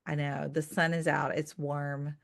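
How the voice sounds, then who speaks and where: A woman's voice: deep voice, level tone, a little slow, vocal fry. A woman co-hosting a podcast in casual chat, upbeat and enthusiastic, often agreeing with her co-host.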